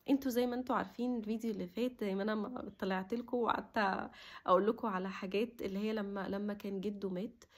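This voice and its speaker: Husky-voiced young woman talking heartfelt and fast. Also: medium pitch. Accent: Egyptian Arabic. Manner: emotional, heartfelt, drops to a soft whisper at times. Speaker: vlogger. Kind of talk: casual personal talk to camera.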